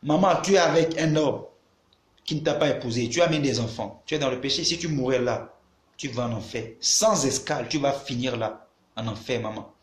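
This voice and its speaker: A man's voice: mid-range voice, moderate pace, echoey room. A man preaching a sermon to a video audience, emphatic and repeating his phrases as he addresses listeners directly.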